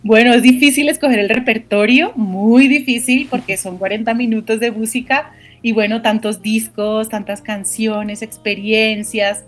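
A woman from Colombia, a jazz singer and composer, answering interview questions thoughtfully with frequent restarts and pauses. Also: medium pitch. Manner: thoughtful, searching for words, many restarts.

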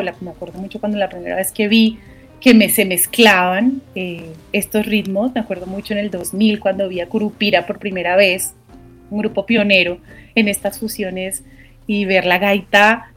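Colombian woman singer chatting in an interview, mid pitch, faint music behind, keeps restarting her sentences. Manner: thoughtful, searching for words, many restarts. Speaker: jazz singer and composer. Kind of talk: interview answers.

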